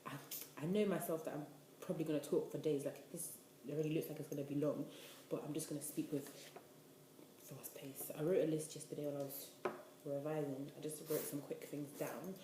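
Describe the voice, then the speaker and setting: A woman's voice: deep voice, steady tone, a little fast, slight background noise. A twenty-year-old woman, rambling casually to the camera in a vlog, full of "like". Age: 20s. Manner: chatty, rambling, lots of "like". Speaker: vlogger. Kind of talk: casual talking-head vlog. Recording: echoey room.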